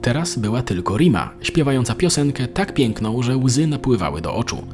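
A man narrating an animated story in a steady, measured manner. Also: medium pitch, soft background music. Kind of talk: scripted narration.

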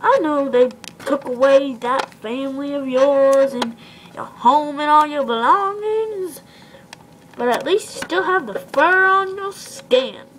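A woman's voice: sits high, takes it slowly, a bit bright. A woman voicing a cheery female fairy godmother with a soothing, matter-of-fact manner. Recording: noisy home video.

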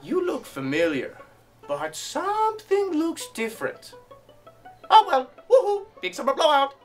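Woman as jolly male shopkeeper, sing-song sales calls, wide swooping pitch, music behind. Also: very animated, unhurried. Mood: cheery salesman.

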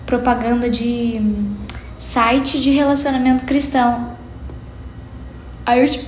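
Young woman chatting to her vlog at home, kinda high voice, echoey room. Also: darkish tone, a little hiss or hum. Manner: chatty, playful, rambling asides. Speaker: vlogger.

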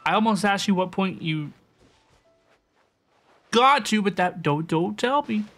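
Over some game music, a woman livestreams a video game and chats casually with her viewers, often repeating herself. Her medium-pitched voice is fairly bright, with lively intonation and a measured pace.

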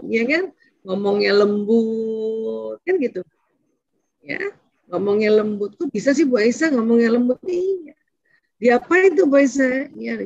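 A middle-aged woman giving a religious parenting seminar, lively, often posing questions to herself in her listeners' voice before answering them. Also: on the high side, dry recording, muffled recording. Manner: animated, asks herself questions in the audience's voice.

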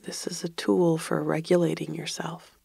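Whispered meditation guide, gravelly and breathy, slow and calm. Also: mid-range voice, no room sound, clean studio sound. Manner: slow soothing whispered guidance.

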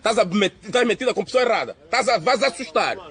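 A man's voice: high-pitched, animated, quick pace, fairly bright tone. A young man with an Angolan Portuguese accent arguing angrily on the street, repeating threats and warnings. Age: young adult. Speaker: angry client. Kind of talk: heated street argument.

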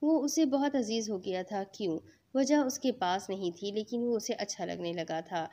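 Mellow woman reading a novel aloud. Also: mid-range voice. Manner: steady, earnest narration with small slips. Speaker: novel reader.

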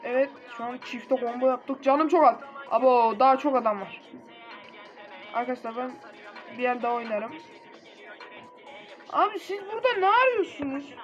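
A young man casually commenting on his mobile gameplay, excitable and quick to get frustrated, talking straight to his viewers. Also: extremely high pitch. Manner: excitable, easily frustrated, talks to viewers directly. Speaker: gaming channel host. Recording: dull lo-fi recording with faint game music.

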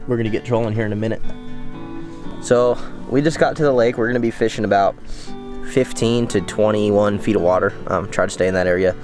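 Over music, a young man vlogs outdoors at a lake and campsite during a camping and fishing trip, holding the camera at arm's length. His voice is fairly low, fairly even and a little fast. Laid-back and easygoing, he narrates casually and keeps saying "man" and "you know."

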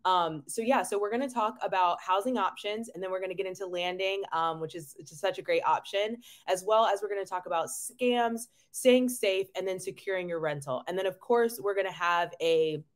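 Hosting a casual webinar by video call from her home, a North Carolina nurse keeps an upbeat, chatty tone, laughing often and saying um a lot. She talks at a moderate pace in a mid-range voice, hardly ever pausing.

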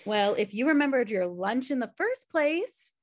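An American woman, her voice a little high and very animated at a moderate pace, reads a flippant, irresponsible twin sister in a sitcom table read. She sounds wry, speaking from an indoor room over a video call and its microphone.

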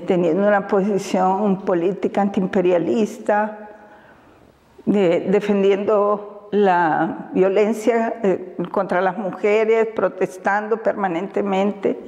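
An older woman from Honduras with a Honduran Spanish accent, answering interview questions slowly and thoughtfully, with many fillers, on a lapel mic. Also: medium pitch, mellow, big-room sound. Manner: slow, deliberate, reflective with frequent fillers and laughs. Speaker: women's rights defender. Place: indoors in front of a banner.

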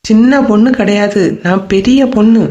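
A woman's voice: medium pitch, normal speed, dark tone, dull audio, close to an everyday voice. A woman voicing a cheeky little girl in a cartoon, with a Kanyakumari Tamil accent, bossy, giggly and demanding. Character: cheeky little girl insisting she is big.

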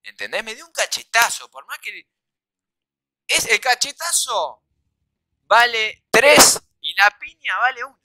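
A young man with a Rioplatense Spanish accent telling a comic story, acting out quoted voices and shouts. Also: very high voice, sing-song, measured pace, dry recording, rough recording. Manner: acts out quoted voices, shouts and sound effects. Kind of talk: animated comedic storytelling.

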